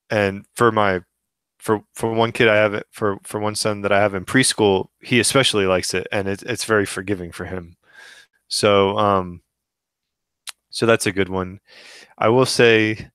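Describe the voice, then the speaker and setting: Podcast co-host, man, thirties, smooth low voice, casual and halting, dry close mic. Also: dry recording. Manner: hesitant, many restarts and fillers, relaxed. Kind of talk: casual gaming chat.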